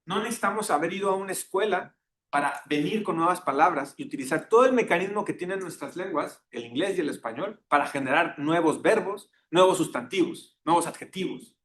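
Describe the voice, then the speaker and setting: A man's voice: animated, a little fast, a bit bright. A man giving a classroom lecture, engaging the class and checking in with tag questions. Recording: echoey classroom with faint rumble.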